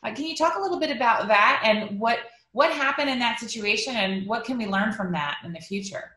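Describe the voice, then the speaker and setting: Woman panel moderator on video call, bright tone, roomy sound. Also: on the high side, lively intonation, a little fast. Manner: polite, filler-laden questions. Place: home office with bookshelves. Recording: echoey room.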